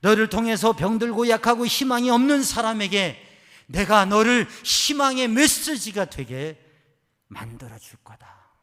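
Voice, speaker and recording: A tender, loving God speaks in emphatic, repeated reassurances, voiced by a male pastor. The voice is somewhat high for a man and echoes with long reverb in a church hall. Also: very animated, measured pace, a bit bright, full character voice. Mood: tender, reassuring.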